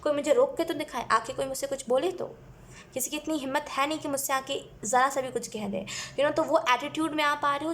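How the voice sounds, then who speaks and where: A woman's voice: high voice, a bit bright, a little hiss or hum. A woman giving a casual tarot reading, chatty and laughing often, mixing English phrases into her talk. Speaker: tarot reader.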